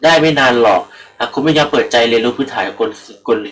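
A man's voice: medium pitch, fast talker, fairly bright tone, poor audio. Chatty young man doing let's-play commentary. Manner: rambling, chatty, swears freely, addresses viewers. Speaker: gaming channel host. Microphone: computer microphone.

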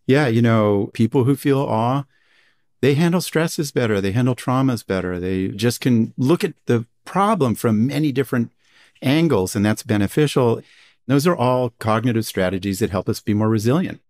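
A man's voice: medium pitch, normal speed, darkish tone. A man, a psychologist guest on a podcast, explaining research enthusiastically in a conversational way. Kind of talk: conversational interview.

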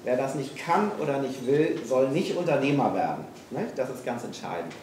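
Speaking to a live crowd at a failure-stories evening, a middle-aged man from Hamburg, Germany, is candid and self-mocking, with frequent hesitations. His mid-range voice is animated and a little mellow, at normal speed. The small event room's PA was recorded from afar, giving echo and faint noise.

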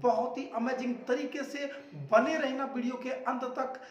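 A man teaching English pronunciation in an energetic lesson, drilling words loudly and repeating them so viewers say them along. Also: very high voice, normal speed, slight background noise. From India. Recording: very echoey room, mic far off.

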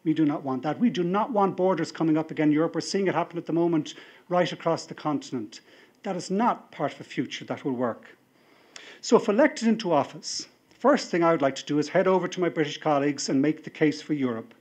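A middle-aged Irish man, slightly high-voiced, delivers a convention speech into a podium microphone. He builds toward emphatic, rousing appeals. The hall is large and full. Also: lively intonation, fast, darkish tone. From Ireland. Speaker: party leader. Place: large hall with a seated audience, indoors.

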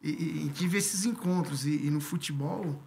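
A gravelly Brazilian man in his fifties recounts his playing days in an unhurried, chatty way. His voice sits a little high for a man, and he talks close to a studio mic. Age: 50s. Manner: relaxed storytelling with many tag questions. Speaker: guest, former footballer and coach. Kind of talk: casual interview. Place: podcast studio. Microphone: studio mic on stand.

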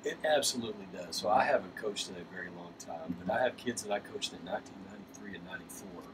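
Upbeat middle-aged broadcaster, low voice. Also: male voice, quick pace. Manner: upbeat, encouraging. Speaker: sports broadcaster interviewing coach. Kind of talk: postgame interview. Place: press box above a lit ballfield at night. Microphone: headset mic. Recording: distant mic with background noise.

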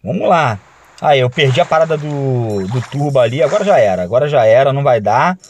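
A young Brazilian man with a Brazilian accent giving excitable gameplay commentary, shouting and chanting in the busy moments. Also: medium pitch, brisk, slight background noise. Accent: Brazilian Portuguese. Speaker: gaming YouTuber. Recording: loud game music underneath.

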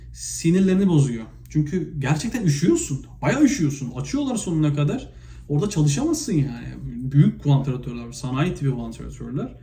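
A man from Turkey vlogging in a casual, spontaneous monologue, retelling stories with lots of fillers and animated bursts. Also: fairly high pitch. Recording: echoey room, faint background noise.

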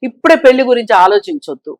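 A woman guest on a talk show, giving her opinions forcefully and pressing her point with rhetorical questions. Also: a little high, big pitch swings, racing, no room sound. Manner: emphatic, argues with rhetorical questions. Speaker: social commentator guest.

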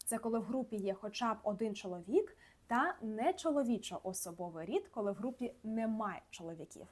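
A woman teaching a scripted grammar lesson, slowing down to enunciate each example word carefully. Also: a little high, animated, darkish tone. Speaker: language teacher.

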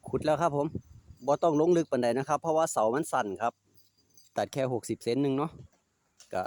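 A man's voice on the high side, a little fast and a little mellow. He speaks with an Isan accent of Northeastern Thailand and is a DIY vlogger doing yard work at home, chatting casually and politely, using polite particles, and talking to his dogs.

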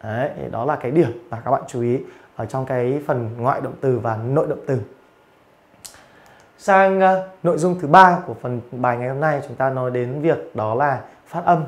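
A male English teacher gives an online lecture at an ordinary mid pitch. He explains step by step, checks in with rhetorical questions and fills his pauses with soft "uh"s. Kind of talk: online grammar and pronunciation lecture.

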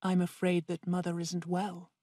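A woman reading the part of a grown son in a storybook, speaking quietly and in a subdued way. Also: fairly low pitch, completely flat delivery, normal speed, no echo, clean studio sound, natural voice.

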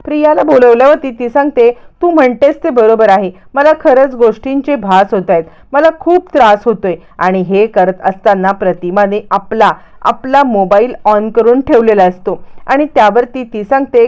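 A woman casually retelling a TV serial's plot, narrating lively and slipping into the voices of the characters. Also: on the high side, clean tone, highs cut off. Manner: lively storytelling with quick shifts into voices. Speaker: storyteller.

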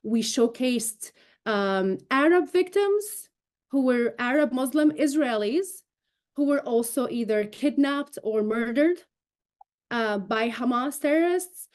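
Speaking slowly in an expressive, somewhat high and slightly mellow voice, a woman in her thirties gives an explanatory remote news interview over a video call from an indoor room. Born in Syria and raised in Damascus, she is a native Arabic speaker and a broadcast journalist and show host who explains emphatically and articulately as a guest.

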